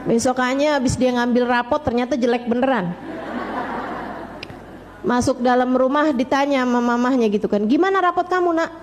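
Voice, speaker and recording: A woman's voice: on the high side, fairly even intonation, moderate pace, pauses often, some chatter behind, a little hiss or hum. A woman preacher giving religious advice to parents, speaking colloquially, repeating phrases for emphasis, asking rhetorical questions and addressing mothers directly. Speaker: Islamic preacher.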